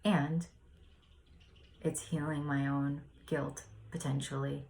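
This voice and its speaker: Soft-spoken low-voiced woman sharing reflections. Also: little pitch movement, slow, vocal fry, slight background noise, rough recording. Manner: soft-spoken, hesitant, many fillers. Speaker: spiritual study vlogger.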